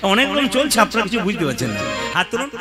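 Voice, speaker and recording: Male kirtan leader, high bright voice, live folk music behind, playful crowd banter. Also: huge pitch swings, quick pace. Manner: playful, coaxing the crowd, laughs between lines. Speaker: kirtan singer leading a gathering. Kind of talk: devotional kirtan call-and-response with banter. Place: village kirtan gathering.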